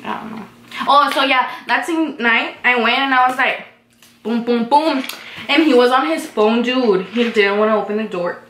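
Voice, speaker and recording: Slangy young woman with a high bright voice. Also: moderate pace. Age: young adult. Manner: slangy and swears a lot, drops into Spanish. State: sick. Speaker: co-host, sister. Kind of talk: casual storytelling chat. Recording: roomy room, faint noise.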